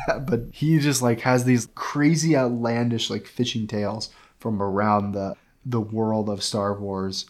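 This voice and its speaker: A man with a fairly low voice co-hosts a gaming podcast, reviewing a game in loose, casual chat. He rambles eagerly, stacking up filler words as he gets excited. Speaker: podcast co-host.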